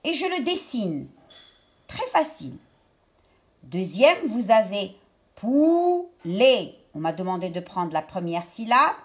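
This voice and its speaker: A woman teacher talking young pupils through a worksheet step by step, stretching out each word slowly. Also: medium pitch. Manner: slow, step-by-step, drawn-out words for young pupils. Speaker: primary school teacher. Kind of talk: remote lesson explaining a worksheet.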